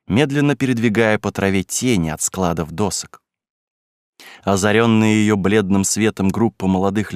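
This audiobook of a classic novel is read by a man whose voice sits on the low side, telling the story in an even, measured way. The sound is dry and studio quality.

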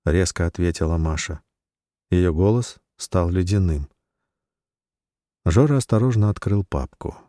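A man reads a story aloud in a measured audiobook style. His voice is very low and mellow. The recording is dry and close. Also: dry recording. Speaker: narrator. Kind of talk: audiobook narration.

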